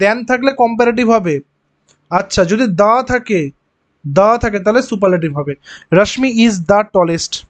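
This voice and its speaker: A man's voice: sits high, dry recording. A male teacher giving an exam-prep grammar lesson, explaining step by step and asking rhetorical questions.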